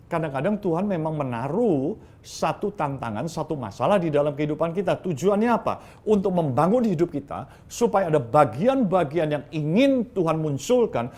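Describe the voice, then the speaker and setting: A man's voice: a little high, darkish tone. A male pastor giving a conversational sermon, acting out quoted dialogue with his listeners. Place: church livestream.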